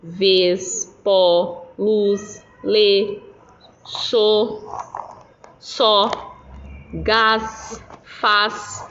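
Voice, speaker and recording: A woman's voice: mid-range voice, flat delivery, drawn-out words, long pauses, fairly bright tone, slight background noise. A Brazilian woman teacher explaining exercises in a lesson, patient and checking in with her students often. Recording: dull roomy recording with faint ambience.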